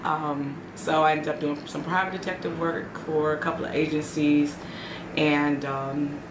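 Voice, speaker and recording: A woman's voice: sits low, flat delivery, unhurried. Woman, 40s, chatty guest; echoey room, background noise. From Chicago. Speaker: guest, entrepreneur. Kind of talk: interview.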